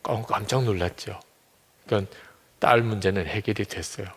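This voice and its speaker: A man's voice: fairly low pitch, steady tone, moderate pace, slightly rough. A man preaching as a pastor. He tells a story and changes his voice when he quotes other people. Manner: retells a story, switching voices for quoted speakers. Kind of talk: sermon, storytelling. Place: church sanctuary. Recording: long reverb of a church hall.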